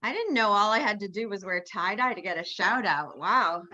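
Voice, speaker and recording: A woman giving a playful shout-out to a colleague during a video call. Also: medium pitch, lively intonation, normal speed. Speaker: meeting member. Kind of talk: casual video-call chat. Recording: dull lo-fi call audio.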